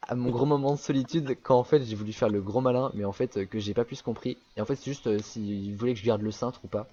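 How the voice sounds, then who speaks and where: A man's voice: mid-range voice, steady tone, brisk, warm tone, muffled recording. A young French man rambling through a casual travel anecdote, full of fillers and restarts. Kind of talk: casual storytelling chat.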